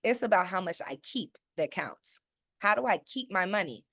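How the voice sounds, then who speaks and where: A persuasive woman presents a sales-style webinar as a financial educator. She stresses her points and asks her listeners rhetorical questions, often tagging "okay?" onto her sentences. Her voice sits at an ordinary pitch and sounds dry and close, with no room echo. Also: expressive, normal speed, bright, forceful tone. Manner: checks in with listeners with a frequent "okay?".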